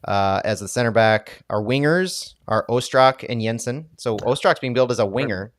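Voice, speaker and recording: A man's voice: mid-range voice, normal speed, dry recording, clean studio sound. A man co-hosting a casual soccer live stream, talking in a rambling, hesitant way with many fillers. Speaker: podcast co-host.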